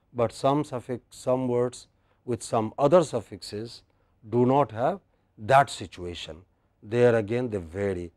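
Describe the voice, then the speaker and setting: A man's voice: mid-range voice, mellow, dry recording, studio quality. A man teaching English pronunciation in a lecture, patient, repeating phrases and checking that the class follows.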